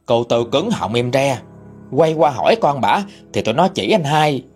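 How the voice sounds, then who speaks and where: A man narrating a first-person story in an expressive, indignant manner. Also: medium pitch, normal speed, faint music behind.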